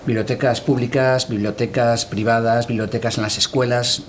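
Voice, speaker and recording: A middle-aged man from Galicia answers interview questions in a calm, reflective way. His pitch sits in an ordinary middle range, and he often pauses on hesitant fillers as he gathers his thoughts. A faint hiss of background noise sits under his voice. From Galicia, Spain. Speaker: interview guest, cultural editor.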